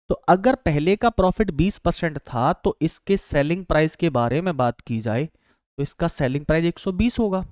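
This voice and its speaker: A man's voice: on the high side, a little mellow, no echo, clean studio sound. A man teaching exam-prep maths, calling his students beta and friends and asking and answering his own questions.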